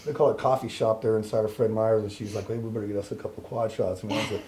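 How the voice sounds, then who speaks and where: Speaking fast in a lowish voice, this interview guest, a middle-aged man, relates a personal story in a relaxed, lively manner. He performs the voices of the people he quotes.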